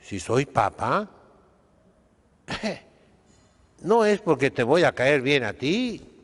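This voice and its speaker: A man's voice: mid-range voice, very animated, very slow, in a large hall. A Mexican man preaching a sermon as a priest, emphatic and direct, checking in with his listeners with questioning asides.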